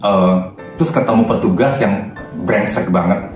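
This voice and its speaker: A man guest recounts an experience in casual chat, acting out both sides of the exchange with animated energy. His voice is on the low side. He sits away from the mic in a strongly echoing room, with faint music behind. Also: moderate pace, recorded from a distance. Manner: animated storytelling, acts out dialogue.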